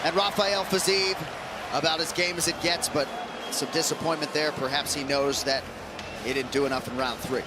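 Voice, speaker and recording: A man's voice: fairly high pitch, steady tone, normal speed. A man calling a fight live as lead commentator, with polished, ornate phrasing. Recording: loud arena crowd and noise. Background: roaring arena crowd.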